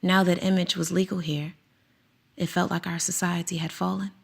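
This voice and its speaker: In a radio drama, an actress plays the lead and narrator, a conflicted teacher who spies on a circus school, telling the story in first person with an anxious, reflective manner. Her voice is lowish, creaky, and breathy-edged, with flat delivery at a moderate pace.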